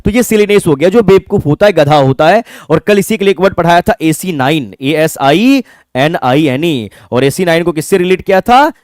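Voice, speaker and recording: High-voiced man teaching English. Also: expressive, moderate pace, dry recording, clean studio sound. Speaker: English teacher for exam prep. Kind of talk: classroom lecture.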